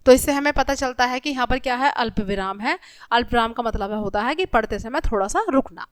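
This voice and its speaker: A woman teacher giving a grammar lesson to young children, speaking to them directly and reading example sentences slowly and clearly. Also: high voice, a bit bright, dry recording, studio quality.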